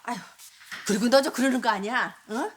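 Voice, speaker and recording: A woman's voice: fairly high pitch, brisk, a little hiss or hum, close to an everyday voice. An actress playing a grumbling, self-pitying mother-in-law who scolds and groans theatrically in a sitcom. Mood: sulky. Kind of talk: sitcom acting.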